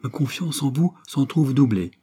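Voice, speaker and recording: A man voicing a respectful, ardent young suitor in an audiobook of a novel, with a warm and restrained, pleading delivery. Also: mid-range voice, expressive, normal speed, husky, pitched above the performer's own voice. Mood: grateful.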